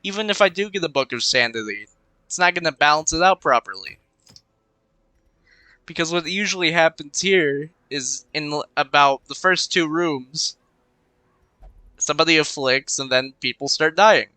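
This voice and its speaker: Speaking at a normal speed in a fairly high, bright, pushed voice with a clean tone, this young gaming commentator talks casually through his game. He's a bit congested and tends to ramble and mutter while deciding what to do. A cheap desk mic captures it dry.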